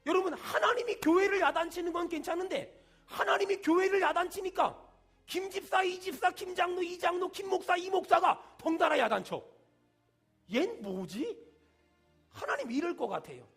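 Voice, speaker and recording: A man, a senior pastor, preaching a sermon with emphatic call-and-response and shouted peaks. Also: very high voice, fairly quick, creaky, faint music behind.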